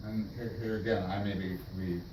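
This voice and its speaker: Low-voiced man leading a church class. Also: fairly even intonation. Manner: thoughtful, halting, many restarts. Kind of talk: casual class discussion. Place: church meeting room. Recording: echoey room, distant mic, noisy.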